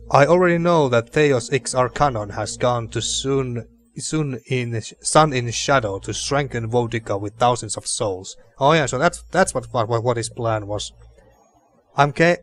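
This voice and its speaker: A man's voice: mid-range voice, unhurried. A man hosting a let's play, commenting and reading game text aloud, often repeating and rephrasing himself.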